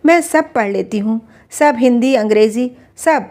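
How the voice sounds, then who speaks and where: A woman's voice: on the high side, a little slow, darkish tone, natural voice. Woman playing a desperate, pleading asylum patient. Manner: pleading, urgent. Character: desperate young wife locked in an asylum.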